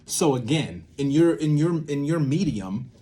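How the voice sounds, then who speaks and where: A man with a slightly high, warm voice talks in an animated way, if a little slowly. Presenting his creative method series as a theatre maker, he wanders playfully through an informal, improvised lesson, thinking aloud and tossing asides to himself.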